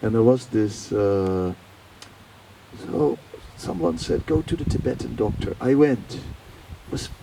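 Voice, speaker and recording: Gravelly man telling a story, noisy recording. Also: medium pitch, takes it slowly. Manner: animated storyteller, laughs often, hesitant fillers. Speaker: speaker telling his life story. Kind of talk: anecdotal storytelling to an audience. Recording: noisy live talk recording.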